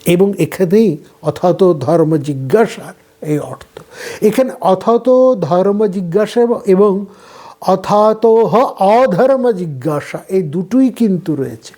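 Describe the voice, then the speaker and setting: A man giving a slow, measured philosophy lecture, often trailing off softly at the ends of his phrases. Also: high-pitched.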